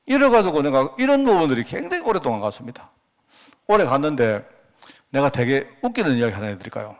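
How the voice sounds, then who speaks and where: A man's voice: mid-range voice, very animated, fast talker. A middle-aged man preaching a sermon as pastor, telling a story in a rambling way full of rhetorical questions. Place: church.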